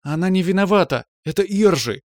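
A man doing an excited teenage sister. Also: high-pitched, brisk, dry recording, voice pushed up. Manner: eager, exclaiming, chattering.

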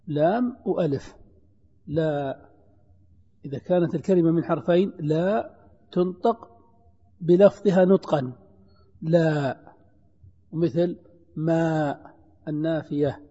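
A grammar teacher, a man, works through examples slowly, repeats himself and asks his students questions. His voice is high but mellow in tone. The dull, lo-fi recording carries a long hall reverb. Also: slightly rough. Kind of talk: classroom lesson.

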